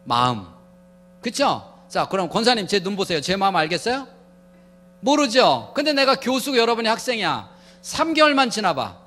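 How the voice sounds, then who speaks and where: A man lecturing humorously to a church audience, playful and animated, acting out everyday quotes as he goes. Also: high voice, moderate pace.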